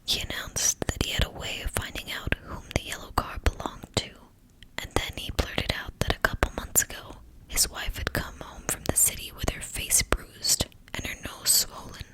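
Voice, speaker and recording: A woman reading a novel aloud as ASMR in a hushed, breathy whisper. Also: normal speed, low-quality recording. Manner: hushed, fully whispered narration.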